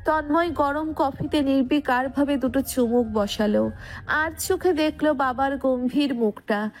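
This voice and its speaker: A woman narrator reading a scripted romantic story in expressive literary prose. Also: high voice, a little slow.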